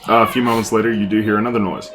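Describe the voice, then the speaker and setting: A man narrating a tabletop game as game master, improvising descriptions and halting as he searches for words. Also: on the low side, fairly even intonation, loud music behind the voice.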